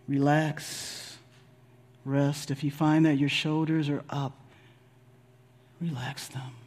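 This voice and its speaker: A man leading a guided spiritual meditation in a deliberate, soothing, gently instructive way with long pauses. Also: a little high. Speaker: spiritual leader guiding a meditation.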